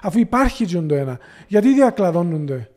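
A man with a Cypriot Greek accent talks as a podcast guest, earnest and impassioned. His voice sits high but sounds soft and mellow rather than bright. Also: sing-song. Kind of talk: casual podcast conversation.

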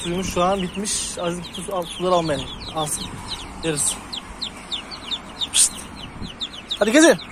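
A man with a high voice talks casually to his viewers while he tends his poultry outdoors. Clucking hens and crowing roosters are clearly heard around him, and he keeps breaking off to call to the animals. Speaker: hobby farm vlogger. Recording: noisy outdoor farmyard recording. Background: chickens, roosters and birds.

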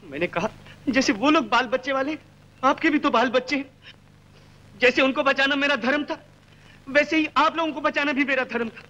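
In a 1960s film drama, a simple, kind-hearted young man speaks earnestly and with feeling, sounding indignant. His very high voice rings bright, and he talks at normal speed but pauses often. The highs are cut off in the recording.

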